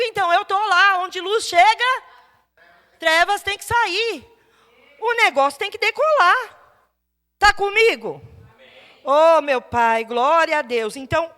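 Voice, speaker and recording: High bright woman preaching in a hall. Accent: Brazilian Portuguese. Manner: lively storytelling, acts out dialogue. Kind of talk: teaching sermon. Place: church hall. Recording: long church hall reverb.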